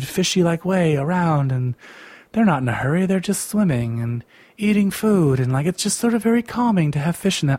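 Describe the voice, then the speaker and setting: A man ranting casually, rambling with constant "like" fillers and a sarcastic, dismissive edge. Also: high-pitched. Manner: rambling, heavy use of "like" fillers. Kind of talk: casual opinion rant.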